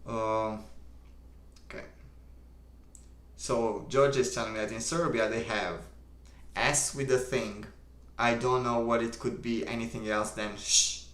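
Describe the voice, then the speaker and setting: A young man from Romania with a Romanian accent, calmly reading viewer comments aloud and answering them on a live stream. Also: medium pitch, slow pace, long pauses, roomy sound. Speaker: livestream host. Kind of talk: casual live-stream chat.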